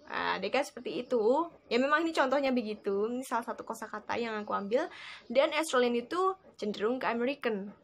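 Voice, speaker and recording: A young woman casually talking viewers through tips in a vlog, chatty and often calling them guys. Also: a little high. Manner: chatty, addresses viewers as guys, lively emphasis. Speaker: vlogger teaching English tips. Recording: faint background noise.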